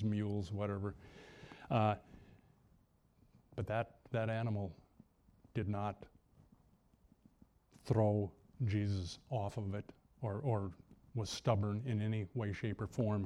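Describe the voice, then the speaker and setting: A man preaching a Bible teaching sermon, often pausing and restarting, and rising sharply in pitch for emphasis. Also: mellow. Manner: halting, many restarts, rises high for emphasis. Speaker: pastor.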